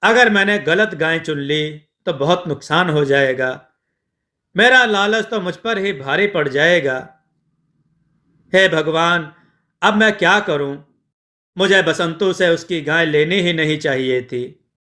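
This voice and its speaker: A man voicing a greedy middle-aged moneylender who frets and pleads, in a slow, bright voice. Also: on the high side. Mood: worried. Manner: fretful, pleading, then remorseful.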